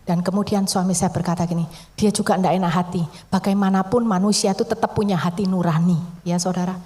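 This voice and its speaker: A woman preaching a sermon in a conversational storytelling way, often dropping to a soft near-whisper for emphasis. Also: lowish voice, fairly even intonation, fast talker.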